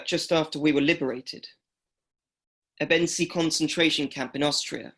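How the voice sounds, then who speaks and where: An actor playing an elderly male Holocaust survivor from Greece, speaking slowly and haltingly and repeating himself. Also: a little high, a bit bright. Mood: reflective. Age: older. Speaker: survivor telling his story. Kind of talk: radio documentary drama.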